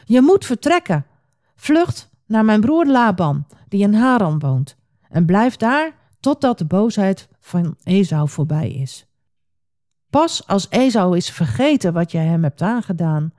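A woman's voice: medium pitch, sing-song, unhurried, warm tone, dry recording, studio quality. A woman voicing an anxious mother urgently warning her son in a storybook reading.

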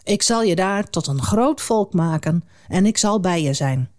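God speaks in a lowered, hushed and unhurried voice, calm and reassuring, as a woman storyteller puts him on. The tone is solemn and gentle, a divine voice from a children's Bible story. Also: no echo, clean studio sound.

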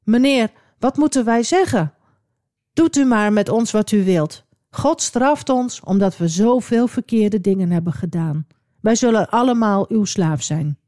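A woman's voice: mid-range voice, animated, unhurried, mellow, no room sound, studio quality, close to an everyday voice. A woman voicing a humble grown man who earnestly begs for mercy in a children's Bible story. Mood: pleading. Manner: earnest, begging.

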